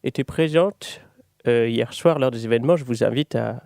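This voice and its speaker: A man's voice: mid-range voice, normal speed, vocal fry, darkish tone, dry recording, clean studio sound, natural voice. A man voicing a portly judge in his fifties in a tabletop game, formal and theatrical in delivery. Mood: unctuous, probing.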